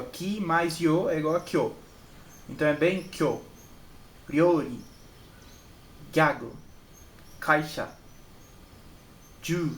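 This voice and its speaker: Brazilian man, Brazilian Portuguese accent, casual study walkthrough, repeats examples, checks in often, echoey room. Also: a little high. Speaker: channel host and Japanese learner. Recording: echoey room with faint background noise.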